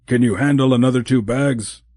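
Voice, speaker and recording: A man voicing a small, brisk, cheerful male elf in an audiobook, with a chirpy, bossy manner. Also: medium pitch, warm tone, dry recording, studio quality, voice pushed up, close to an everyday voice. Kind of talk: audiobook character voice.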